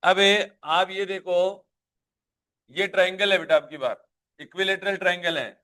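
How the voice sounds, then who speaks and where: A man's voice: high-pitched, normal speed, bright, forceful tone. A male physics teacher with a Hindi accent giving a live classroom lecture, questioning students and pushing them to answer aloud.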